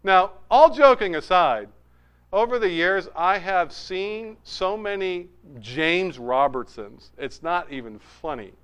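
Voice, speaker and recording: A middle-aged male pastor from New Hampshire delivers a conversational sermon. His voice sits fairly high and sounds smooth and clear. He tells personal anecdotes with humor and plenty of asides. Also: takes it slowly. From New Hampshire, USA. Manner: animated storytelling, with humor and asides.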